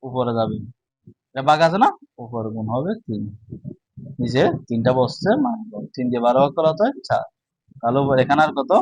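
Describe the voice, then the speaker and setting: Slow man teaching math. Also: medium pitch, dry recording, low-quality recording. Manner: slow, repetitive, asks and answers own questions. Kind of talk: casual classroom lesson.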